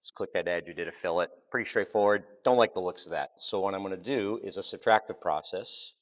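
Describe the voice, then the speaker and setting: Man, Boston accent, lowish voice, easygoing step-by-step demo, conference room. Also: a little fast. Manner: relaxed, joking, step-by-step. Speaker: presenter. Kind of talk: live technical demo.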